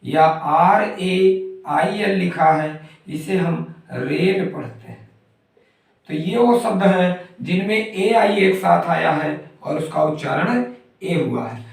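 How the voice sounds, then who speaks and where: High, gravelly man teaching slowly. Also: animated. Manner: methodical, spells out letters one by one. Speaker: English pronunciation teacher. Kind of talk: explanatory lesson. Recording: very echoey room, far from the mic.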